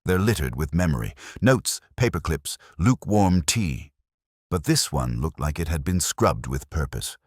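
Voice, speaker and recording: A man playing a middle-aged, greying, sharp-witted police inspector, narrating a detective audio drama in a measured, literary, melancholy manner. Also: rumbling low, very animated, slightly rough, dry recording, studio quality, heavily acted. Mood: quietly pensive.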